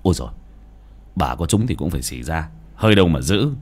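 A man's voice: extremely low pitch, expressive, a little fast, slightly rough, voice pushed down, full character voice. A man voicing a crude, bullying grown son who bellows and stammers in an audio story. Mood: blustering.

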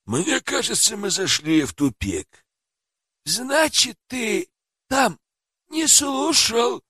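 A man's voice: sing-song, slow pace, pushed and bright, husky, no echo, studio quality, full character voice. A man doing a haughty young woman adventurer. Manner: purring, coquettish falsetto. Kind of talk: audiobook character voice.

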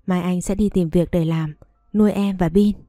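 Cheating young husband, drunk and slurring, read by a woman; low, dry, close. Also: steady tone, normal speed, warm tone, no room sound, natural voice. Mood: apologetic. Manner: slurred, wheedling.

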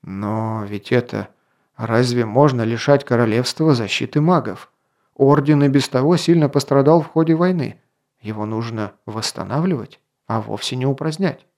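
A man's voice: medium pitch, normal speed, darkish tone, natural voice. A man voicing a young human king who speaks earnestly and stubbornly in an audiobook.

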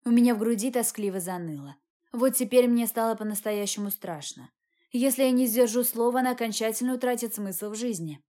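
A woman reading a dramatic first-person story aloud, expressive in her delivery. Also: a little high, a little fast. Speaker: audiobook narrator.

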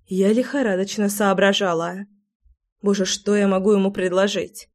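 A woman narrating a first-person audiobook with an expressive, dramatic reading. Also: medium pitch, normal speed.

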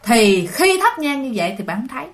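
Brief: woman narrator, casual ghost-story telling, slightly high voice. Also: very animated, fairly quick, slight background noise. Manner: chatty, addresses listeners directly.

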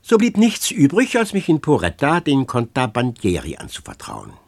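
A man reads a proud, stern man in a storybook who speaks in firm, measured words. The voice is husky and mid-pitched, recorded dry and close. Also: huge pitch swings, a little mellow, no echo, full character voice. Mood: grave. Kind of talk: audiobook reading.

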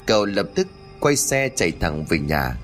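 Male narrator, low and lively, ghost story reading over faint music. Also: moderate pace. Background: faint background music.

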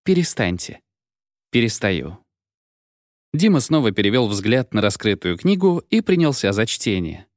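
Expressive male audiobook narrator. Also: medium pitch, moderate pace, hardly any pauses, no echo, studio quality. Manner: expressive, storytelling. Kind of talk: scripted narration.

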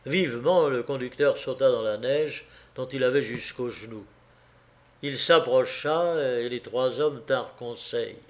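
A man reading a classic novel aloud as an audiobook, in a measured, deliberate way. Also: mid-range voice. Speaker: audiobook narrator.

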